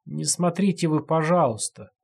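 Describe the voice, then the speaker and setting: A badly hurt woman murmurs fragments of a children's song in a distant, dazed voice, slightly raised in pitch, as a male reader puts her on. The tone is husky and breathy. It is storybook narration with her voice acted in. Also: normal speed, faint music behind. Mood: dazed murmuring.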